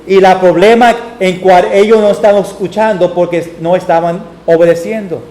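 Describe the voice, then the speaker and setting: A man with a high voice preaches a sermon from a church pulpit. His voice rings around a roomy, echoey sanctuary. He tells homely stories and slips into the voices of the people he quotes. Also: steady tone, normal speed, darkish tone. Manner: storytelling, acting out quoted voices. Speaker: pastor.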